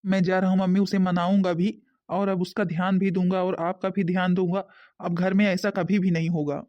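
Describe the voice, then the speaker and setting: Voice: medium pitch, flat delivery, a little fast, darkish tone, natural voice. A performer voicing a young husband in a cartoon, a drinker who turns remorseful, speaking earnestly. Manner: pleading, earnest. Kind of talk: Hindi cartoon voice acting. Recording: dull lo-fi sound.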